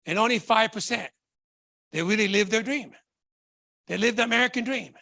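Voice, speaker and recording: A man from Tonga with a striking high, gravelly voice delivers a fervent motivational talk. His bright, edgy tone carries enthusiasm as he keeps asking the audience questions. The sound is close and dry. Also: moderate pace, no echo. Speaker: motivational speaker.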